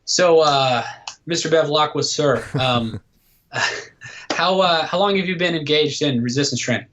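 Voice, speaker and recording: A man's voice: fairly high pitch, measured pace, fairly bright tone, slight background noise. A man in his thirties, a guest coach on a casual podcast interview, explaining things patiently with many fillers. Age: 30s. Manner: explanatory, lots of "uh" and "um".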